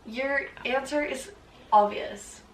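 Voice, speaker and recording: Young woman, higher-voiced, in an echoey room. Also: slow pace. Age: young adult. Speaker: sorority sister asking questions. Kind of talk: casual chat. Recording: roomy, distant mic, clear noise.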